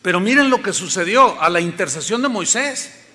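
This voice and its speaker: A man's voice: high voice, expressive, normal speed, bright, forceful tone. A man preaching a sermon to his congregation, emphatic and often asking them questions. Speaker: pastor. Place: church sanctuary. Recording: long reverb of a large hall.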